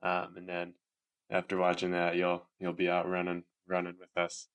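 Brief: male podcast host, very low flat voice, hesitant and filler-heavy. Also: normal speed, smooth, muffled recording. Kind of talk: casual podcast talk.

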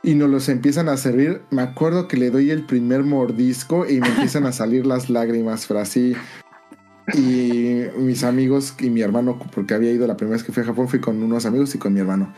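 A man's voice: medium pitch, steady tone, a little fast, mellow, soft background music. A man with a Mexican accent telling a long personal story in casual podcast chat, in a colloquial, rambling way.

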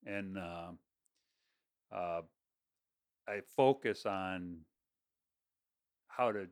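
His voice deep, clear and resonant, the guest speaks extremely slowly about his work on construction and plant projects. The casual interview finds him rambling, frequently starting over, and laughing easily.

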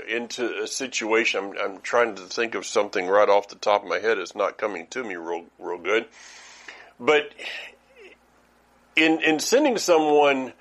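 A man's voice: on the low side, fairly bright tone. A middle-aged man giving an informal Bible teaching, talking conversationally with many restarts and fillers.

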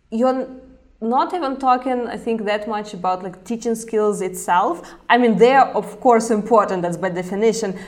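Woman host, curious and wordy questioner, casual fillers. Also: fairly high pitch. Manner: long, searching questions with fillers like "like" and "uh". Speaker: interviewer, host. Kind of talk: interview questions.

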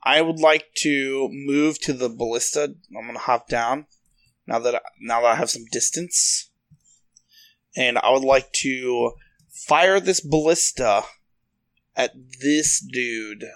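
A man's voice: mid-range voice, takes it slowly, fairly bright tone, no room sound. A man describing his moves casually as a player in a tabletop game.

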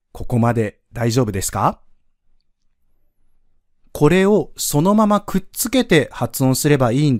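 A man's voice: medium pitch, darkish tone, no room sound, clean studio sound. A man teaching a pronunciation lesson on a podcast, explaining patiently step by step and demonstrating sounds aloud. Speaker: French language teacher.

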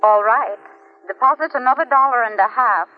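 A polite, efficient long-distance operator, heard through a payphone line. She speaks in crisp, formal phrases in a slightly high voice. The old radio-drama recording sounds dull and lo-fi. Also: moderate pace, faint music behind. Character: brisk, polite female telephone operator. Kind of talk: 1940s radio acting.

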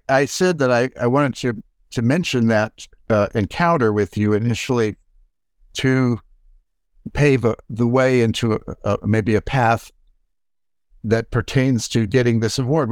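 Halting older man, dry close sound. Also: medium pitch, no room sound. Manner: halting, many fillers and restarts. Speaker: award recipient, music professor. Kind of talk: reflective acceptance talk.

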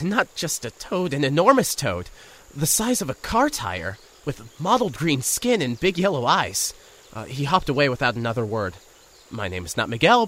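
A male actor with a mid-range, fairly bright voice plays an awkward, wry radio host who has become an investigator. He narrates the audio drama in the first person, somewhat hesitantly.

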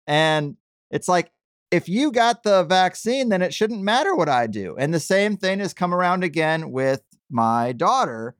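A man's voice: sits high, very animated, a little slow, a bit bright, smooth, no room sound, clean studio sound. A man hosting a podcast interview, chatting casually and sharing personal anecdotes. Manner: conversational, agreeing, personal anecdotes. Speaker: podcast host.

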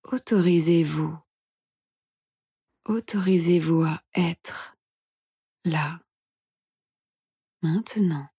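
A woman meditation instructor guides mindfulness practice in a soft, breathy, soothing near-whisper, leaving gentle pauses. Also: lowish voice, no room sound, clean studio sound. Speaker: meditation instructor and podcast host.

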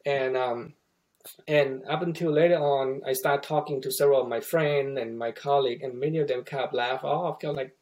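A man's voice: mid-range voice, fairly even intonation, normal speed, darkish tone, poor audio. A middle-aged man from Thailand, a native Thai speaker, telling his story as a podcast guest with many restarts and fillers. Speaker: guest photographer. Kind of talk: casual interview storytelling.

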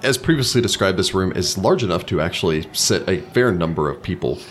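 A man narrating as game master of a tabletop game, describing scenes in a relaxed way with many fillers. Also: low-pitched, a little fast, slight background noise.

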